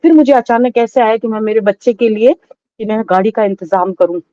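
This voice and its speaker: A middle-aged woman recounting a painful loss as an interview guest, in a halting, sorrowful way with many restarts. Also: a little high, mellow, dry recording, lo-fi sound. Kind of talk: emotional personal testimony.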